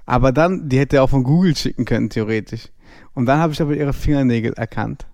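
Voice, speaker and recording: A man's voice: medium pitch, fast talker, no room sound, studio quality. Young man telling a slangy story. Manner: slangy, lively storyteller acting out dialogue. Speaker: podcast co-host. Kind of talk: casual storytelling chat.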